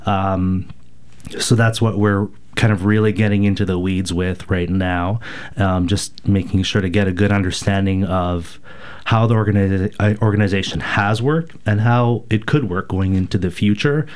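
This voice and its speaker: A man from rural Alberta, Canada speaks on a radio interview while getting over a cold. His voice sits low and smooth, and his answers come slowly and thoughtfully, broken up by many ums and uhs. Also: fairly even intonation. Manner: thoughtful, hesitant, many fillers. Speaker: radio station board president, guest.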